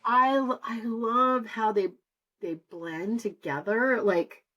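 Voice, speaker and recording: A woman's voice: fairly high pitch, fairly even intonation, slow, pushed and bright. A woman co-hosting a casual chat, talking enthusiastically and restarting her sentences. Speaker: co-host.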